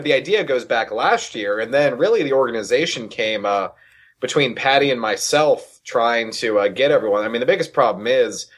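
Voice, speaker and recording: A man speaking as an activist guest in a casual, rambling conversation. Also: medium pitch. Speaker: interview guest, political activist.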